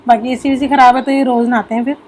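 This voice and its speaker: A young woman narrates her family vlog in a high, light voice. She talks in a chatty, homely way, padding her sentences with fillers. Her throat is still a little sore from a recent illness. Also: little pitch movement, very fast. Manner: chatty, homely, full of fillers like "theek hai". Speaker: vlogger, mother of two.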